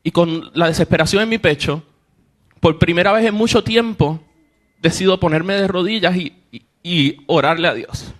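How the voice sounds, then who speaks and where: Speaking at a normal pace in a high, fairly bright voice, the young preacher shares his own story as a sermon testimony. He performs the quoted voices of the people involved, swelling with feeling as he goes.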